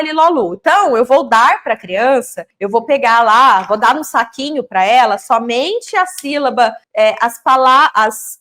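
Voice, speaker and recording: A woman with a bright, high-pitched voice gives an explanatory lesson on early literacy. She talks straight to her viewers, often checking in with them. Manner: explanatory, addresses viewers directly, acts out teacher-child dialogue. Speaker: literacy educator. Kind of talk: teaching video for teachers and parents.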